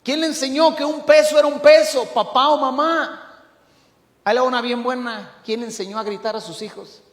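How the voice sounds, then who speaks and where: A middle-aged Mexican man preaching a sermon as pastor, emphatic, swinging from loud to hushed. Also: very high-pitched, fairly even intonation, normal speed. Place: church hall. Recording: echoey church hall.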